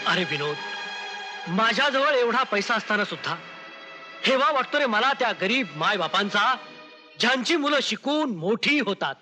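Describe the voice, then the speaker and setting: A man's voice: sits high, big pitch swings, moderate pace, music in the background. An actor playing a proud, wealthy village merchant who lectures his wayward brother in an old film. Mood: reproachful. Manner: reproachful lecturing, then gracious. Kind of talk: 1980s film acting.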